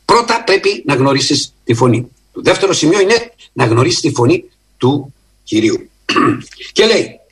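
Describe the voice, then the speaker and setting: Earnest husky-voiced male preacher. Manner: earnest, emphatic, with lively rises in pitch and slow stressed phrases. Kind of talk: sermon.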